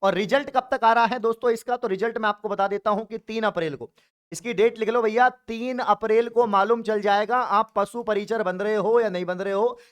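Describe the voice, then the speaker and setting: Speaking a little fast with fairly even intonation, this high-voiced man is a Rajasthani coaching teacher posting an exam update on YouTube. He cheers on his audience, calling them his friends and brothers.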